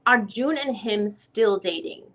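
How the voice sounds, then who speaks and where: Taking the role of a lawyer methodically questioning a deposition witness, a woman reads from a legal transcript with a formal, probing air. Her pitch sits in the middle, her pace is a little slow, and her lightly acted tone is a bit bright.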